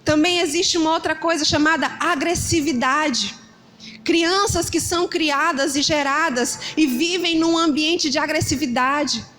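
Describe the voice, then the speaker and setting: A middle-aged woman pastor with a Brazilian Portuguese accent from Ceará, preaching a sermon and acting out scenes of parents shouting. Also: high voice, unhurried.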